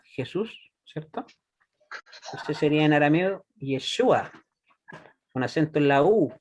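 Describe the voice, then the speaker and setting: A man teaching a Hebrew class, patient and deliberate, often checking that students follow. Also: fairly high pitch, dull audio. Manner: patient, checks understanding with frequent "¿ya?"; slow and deliberate, repeats words for students. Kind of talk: classroom lesson.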